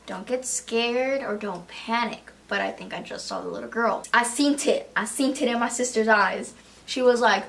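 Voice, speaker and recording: A young woman casually telling ghost stories on a vlog, acting out the quotes and saying "like" a lot. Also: fairly high pitch. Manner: animated storyteller, acts out quotes, lots of "like". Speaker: vlog co-host.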